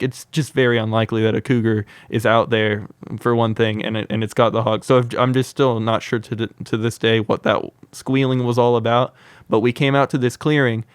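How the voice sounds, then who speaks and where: A man's voice: medium pitch, clear, resonant tone, no room sound. A young man, a wildlife content creator, telling wild stories as a podcast guest, with lots of "like" fillers. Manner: lively anecdote telling with frequent "like" fillers. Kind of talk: casual interview storytelling.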